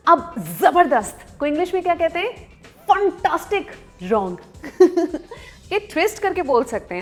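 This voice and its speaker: A young woman giving a casual, playful pronunciation lesson, slowing right down to model each word. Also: high-pitched. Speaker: pronunciation teacher.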